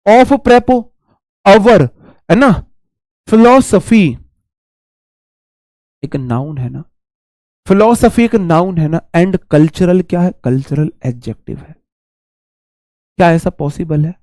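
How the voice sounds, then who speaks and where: A man's voice: high voice, lively intonation, slow pace, pauses often, a little mellow, no echo, studio quality. A young man teaching grammar in a live online class, chatty and teasing, mixing Hindi and as he reads student questions aloud.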